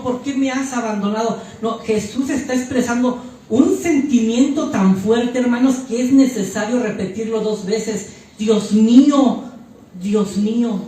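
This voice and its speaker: A man's voice: high-pitched, dark tone, slight background noise. A man preaching a fervent sermon as pastor, repeating phrases for emphasis and addressing the congregation. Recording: echoey church hall, mic far off.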